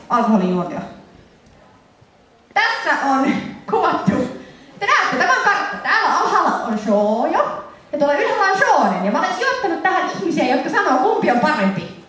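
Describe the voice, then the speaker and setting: A young Finnish woman presenting a lively convention panel to an audience, laughing and acting out scenes in funny voices. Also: high-pitched. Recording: echoey hall, voice from far off, faint noise.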